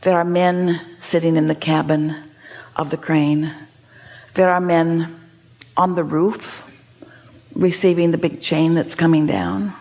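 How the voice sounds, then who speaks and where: A woman's voice: deep voice, little pitch movement, takes it slowly, pauses often, dark tone. A woman teaching a seminar audience, speaking as "we" and posing emphatic rhetorical questions. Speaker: inspirational speaker.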